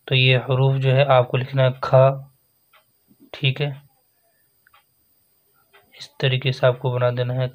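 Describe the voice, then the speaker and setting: Slow, steady male Urdu teacher. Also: medium pitch. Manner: slow, repeats letter names and "theek hai" while writing. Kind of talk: step-by-step writing lesson. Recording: dull lo-fi sound.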